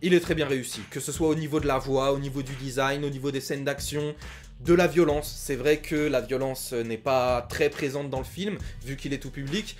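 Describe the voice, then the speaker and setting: A young man giving a frank, critical film review in a casual talk, with many filler sounds. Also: medium pitch.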